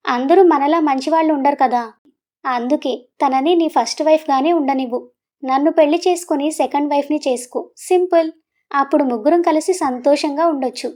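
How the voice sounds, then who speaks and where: A woman's voice: high voice, a little mellow, lightly acted. Woman reading as a stubborn young lover.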